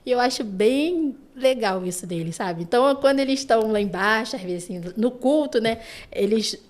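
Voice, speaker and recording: Brazilian woman chatting on a church podcast, kinda high voice, lots of né and sabe. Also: normal speed. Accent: Brazilian Portuguese. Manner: animated storytelling, frequent "né" and "sabe". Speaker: children's ministry teacher, guest. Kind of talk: casual podcast chat.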